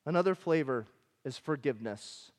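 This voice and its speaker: A middle-aged man from Michigan preaching a sermon as pastor, conversational and animated with personal asides. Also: mid-range voice, moderate pace, big-room sound.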